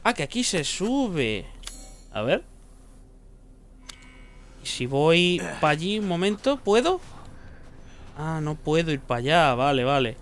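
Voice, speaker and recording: A man's voice: a little high, big pitch swings, takes it slowly, long pauses, a bit bright, a little hiss or hum. A man giving casual gameplay commentary, muttering to himself, joking and swearing as he plays. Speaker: gaming streamer.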